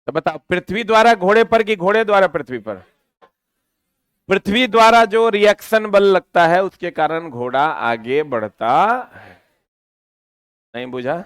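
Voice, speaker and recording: A man teaching a physics lesson, lively and constantly quizzing his students with repeated questions. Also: sits high, clear, resonant tone, no room sound.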